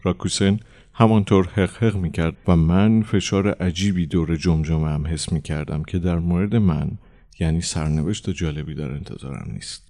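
A man narrating a translated short story in an expressive, dramatic audiobook style. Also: sits low. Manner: expressive, shouting the quoted lines.

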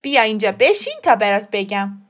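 مادربزرگ پیر و زرنگ با صدای یک زن. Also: female voice, medium pitch, animated, close to an everyday voice. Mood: coaxing. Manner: brisk, coaxing and emphatic. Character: bold scheming grandmother, old woman.

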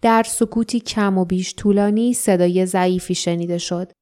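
A woman narrating an audiobook in a calm, even storytelling manner. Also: on the low side.

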